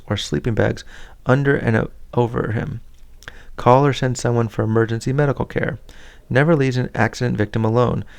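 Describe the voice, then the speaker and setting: A man reading a first-aid handbook aloud in a plain, steady way, with small slips and restarts and the odd aside. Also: medium pitch, creaky. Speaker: reader of a scout handbook.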